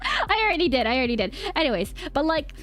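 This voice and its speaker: A woman with a high-pitched voice chats to her livestream viewers as she explains things. Her delivery is informal and giggly, with phrases often repeated. Music plays behind her. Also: wildly swooping pitch, quick pace, fairly bright tone. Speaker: livestream host.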